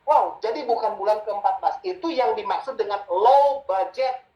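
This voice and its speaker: A man's voice: high-pitched, moderate pace, dull audio. A man coaching on business as a mentor, emphatic and repeating his key phrases. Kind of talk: sales coaching talk. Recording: echoey room.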